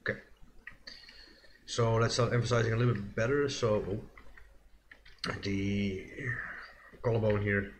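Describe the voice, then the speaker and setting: A man with a somewhat low voice talks through his work on a live stream, relaxed and loose. He thinks aloud, trailing off and correcting himself often. A faint hiss of background noise sits under the voice. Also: unhurried, pauses often. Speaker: digital sculpting streamer. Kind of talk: casual live-stream commentary while working.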